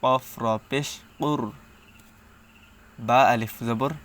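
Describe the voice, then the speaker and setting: A man's voice: mid-range voice, fairly even intonation. A man teaching Quran reading, patiently spelling out letters and sounding each syllable. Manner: patient, step-by-step drilling, recites louder and slower. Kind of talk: spelling out and reciting letters slowly.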